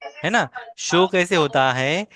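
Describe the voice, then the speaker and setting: A woman teacher with a low voice runs a patient pronunciation drill. She says each word slowly, repeats it and corrects mistakes. The sound is close and dry. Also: a bit bright, no echo, faint music behind. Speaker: language teacher.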